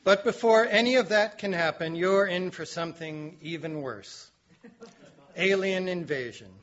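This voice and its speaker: A man's voice: sits high, unhurried, a bit bright, highs cut off. A man voicing a dramatic male herald who warns humanity, delivered in an announcer's manner in an audio drama. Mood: ominous.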